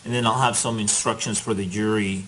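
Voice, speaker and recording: Calm male judge on courtroom recording. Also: lowish voice, fairly quick, a little hiss or hum, low-quality recording. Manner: calm, procedural instructions. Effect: courtroom audio recording. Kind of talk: presiding over a trial.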